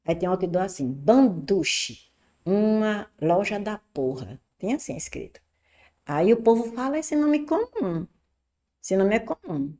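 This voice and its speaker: Chatty teacher. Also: female voice, mid-range voice, unhurried. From Brazil. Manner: chatty, lively, asks and answers her own questions. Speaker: Portuguese teacher. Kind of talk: exam-correction lesson.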